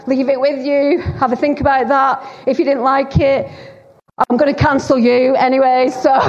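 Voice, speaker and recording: A middle-aged guest preacher from Bolton, Greater Manchester, speaks with a Lancashire accent, her voice high and darkish in tone. She delivers a chatty, teasing, self-deprecating sermon to a church congregation in a church hall. The recording is dull, with a long hall reverb.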